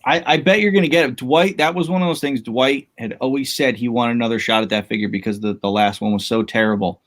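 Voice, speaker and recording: A man co-hosting a casual podcast chat, talkative and reasoning out loud. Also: mid-range voice, steady tone, fast talker. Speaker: podcast co-host.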